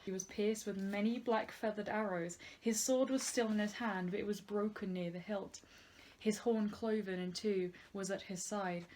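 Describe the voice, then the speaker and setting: A woman's voice: mid-range voice, steady tone, moderate pace, a little mellow, rough recording. A woman reading a fantasy novel aloud as co-host of a casual read-along, breaking off to swear and joke.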